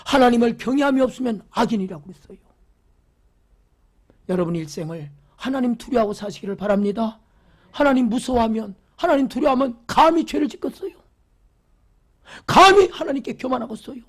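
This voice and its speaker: A pastor giving a fervent church sermon, repeating phrases, asking the congregation questions, and dropping from loud exclamations to whispers. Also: medium pitch, a little fast, long pauses.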